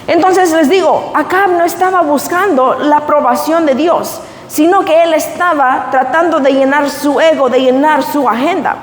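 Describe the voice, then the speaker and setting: A woman's voice: high-pitched, normal speed, few pauses, a little hiss or hum. A woman pastor preaching a sermon. She reads scripture aloud and retells it in a conversational way, slipping English phrases in. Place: church. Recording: echoey church hall.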